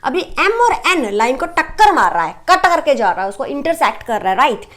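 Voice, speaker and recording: High-voiced Indian woman teaching maths. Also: very animated, brisk, fairly bright tone. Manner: explains in Hindi mixed with English terms, checks in with "right?". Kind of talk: online maths lesson.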